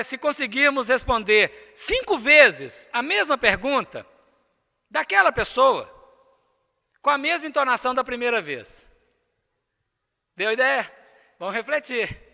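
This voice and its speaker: A man's voice: very high-pitched, vocal fry, sharp tone. A man with a Brazilian accent giving a spiritist lecture, emphatic and asking the audience rhetorical questions. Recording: echoey lecture hall.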